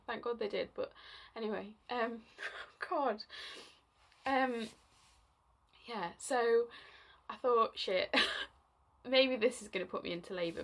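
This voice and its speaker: A young woman talks to camera, telling her own story in a loose, chatty ramble packed with fillers. Her mid-pitched voice carries a gravelly, creaky texture, and she gets emotional as she talks. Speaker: vlogger.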